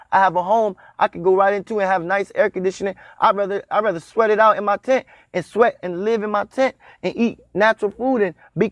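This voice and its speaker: In a dry recording, a high-pitched man in his thirties delivers a spiritual talk about interpreting dreams. He's a spiritual teacher who repeats himself and stresses each point with a preacher's cadence.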